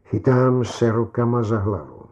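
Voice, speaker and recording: Dark-voiced male story narrator. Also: medium pitch, animated, lo-fi sound. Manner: tense, measured dramatic reading. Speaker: audiobook narrator. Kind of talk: first-person story narration.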